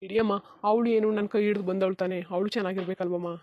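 A woman voicing a sad, self-sacrificing young married man in a cartoon, talking in a soft, resigned, pleading way. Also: medium pitch, steady tone, quick pace, lo-fi sound, natural voice. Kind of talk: cartoon voice acting.

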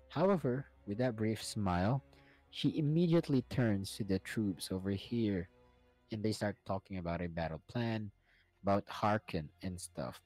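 A man narrating a tabletop role-playing game as game master, in a slow, unhurried way. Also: on the low side, darkish tone.

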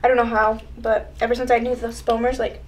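A woman's voice: on the high side, little pitch movement, fairly quick, a little hiss or hum. A woman chatting casually as a guest, giggly and rambling. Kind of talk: casual chat.

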